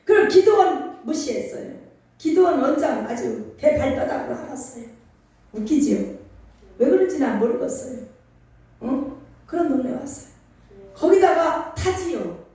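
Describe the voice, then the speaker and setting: A middle-aged woman pastor with a Chungcheong Korean accent preaches in a lively, emphatic way, calling for answers from the congregation. Her high voice comes from a distance across a very echoey church hall. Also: normal speed, pauses often. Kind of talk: sermon. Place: church sanctuary.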